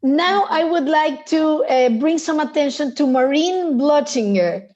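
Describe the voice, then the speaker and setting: A woman speaks as a guest on a casual panel call, her voice high and mellow. She talks thoughtfully, pausing and restarting as she goes. Her tone stays warm and relaxed throughout. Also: dull audio. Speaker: poker festival founder, panel guest.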